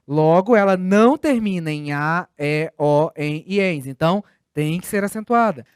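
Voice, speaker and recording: A teacher giving a recorded grammar lesson, explaining step by step with patient, clear phrasing and questions to the students. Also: medium pitch, animated, normal speed, dry recording, studio quality.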